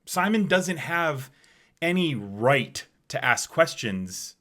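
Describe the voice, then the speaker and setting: A man's voice: on the high side, big pitch swings, slow pace, pushed and bright. A man giving opinion commentary as a political pundit, scornful and emphatic.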